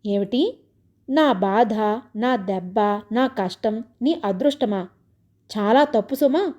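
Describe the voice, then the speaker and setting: Sulky suspicious young husband in a storybook, sarcastic grumbling; a woman reads the part, mellow voice. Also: a little high, expressive, slow. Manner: complaining, sarcastic.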